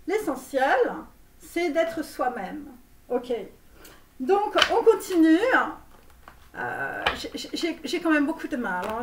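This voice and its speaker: A woman's voice: high voice, a little hiss or hum. A woman playing a grandiose Romanian-born American tarot guru in a parody reading, with a put-on Romanian accent and English words thrown in. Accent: put-on Romanian accent in French. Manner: grandiose, sprinkles English words, drawn-out phrases. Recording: roomy echo, mic far off.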